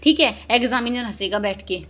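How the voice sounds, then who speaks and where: A young woman teaching exam vocabulary, joking and lively, reading each answer option slowly before explaining it. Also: a little high. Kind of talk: exam-prep lesson, Hindi mixed with English.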